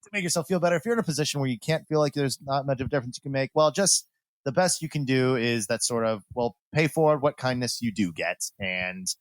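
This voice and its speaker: A man co-hosting a podcast in a loose, informal style. He rambles through casual banter and swears freely. His voice is mid-pitched and recorded close and dry. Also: quick pace, no echo. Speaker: podcast host.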